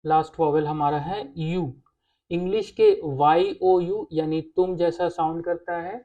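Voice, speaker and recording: A woman teaching a language lesson, explaining patiently and pausing on "okay" between points. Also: low voice, steady tone, warm tone, muffled recording. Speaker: French teacher.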